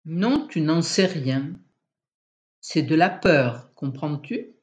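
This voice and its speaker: Reader doing a fretful young husband, urgent, sharp, insistent, slow and louder than the narration. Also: male voice, on the high side, animated. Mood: harsh. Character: anxious young husband doting on his cat.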